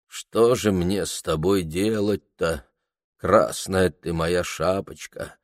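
A worldly woman in a spoken storybook talks in a chesty, sorrowful voice edged with mockery, as a man puts her on. The man's voice stays fairly low and sounds close and dry. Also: big pitch swings, slow, gravelly, no room sound, heavily acted. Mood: sad. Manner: chesty, mournful, mocking.

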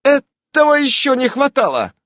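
A man reading an audiobook, voicing a commanding adult witch woman who barks sharp, scolding orders. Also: sits high, big pitch swings, a little slow, slightly rough, no room sound, clean studio sound, voice pushed up, heavily acted.

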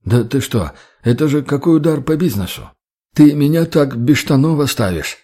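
A man voicing a fat, obsequious slave trader who fawns and placates in a raised, drawn-out voice. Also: expressive, dark tone, natural voice. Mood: fawning. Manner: wheedling, placating, higher and slower.

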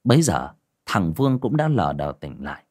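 A man's voice: sits low, normal speed. A man narrating a dramatic audio story and acting out every character. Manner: expressive, does all the voices.

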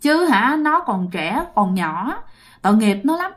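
A woman with a Southern Vietnamese accent voicing an elderly male folk exorcist who pleads softly and gently with a spirit. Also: sing-song, unhurried. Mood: pleading. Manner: soft, low, coaxing.

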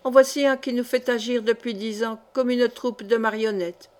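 A woman's voice: fairly high pitch, fairly even intonation, normal speed, a little mellow, close to an everyday voice. A woman reading aloud and voicing a young male clog-maker who accuses a rival before a crowd in solemn, rising oratory. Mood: accusing.

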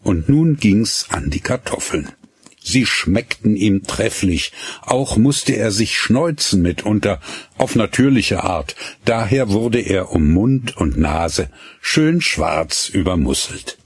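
Slow, husky male storyteller. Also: fairly low pitch, no room sound. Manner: slow, expressive storytelling with voiced dialogue. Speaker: narrator. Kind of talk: scripted narration of a radio story.

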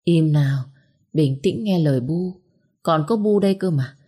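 Lady doing a tired middle-aged mom, soothing but hard edged, low husky voice. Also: moderate pace, dark tone. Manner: comforting, turns hard when bitter. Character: weary middle-aged single mother, stern but loving.

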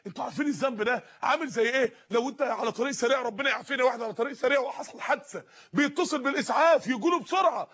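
A man's voice: extremely high pitch, racing, a bit bright. A man with an Egyptian Arabic accent preaching a sermon, fervent and repetitive, rising to emotional cries, on a dull lo-fi recording. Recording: dull lo-fi sound.

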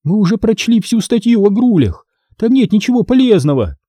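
A man reading an audiobook brings to life a frantic young girl whose voice jumps high and shrill. She exclaims hard and swings between gloating and panic. The tone stays husky and dark underneath. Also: sing-song, normal speed, dry recording, clean studio sound. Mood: exasperated. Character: excitable young girl, desperate and fierce. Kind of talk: audiobook character voice.

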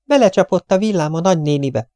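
Brief: male reader as a curt, impatient young man, slightly raised, mellow and dry. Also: sits high, no echo, voice pushed up, lightly acted.

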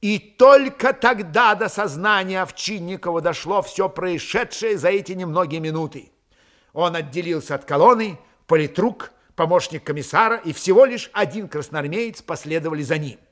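A man's voice: high-pitched, expressive, normal speed. A man narrating a classic novel as an audiobook, reading expressively and dramatically. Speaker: audiobook reader.

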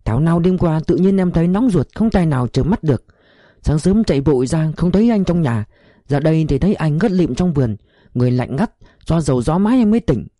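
Brief: narrator playing a worried, caring woman, voice pushed high, anxious and pleading, animated intonation. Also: fast talker, dry recording, studio quality, lightly acted. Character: anxious caring woman, middle-aged, fretful.

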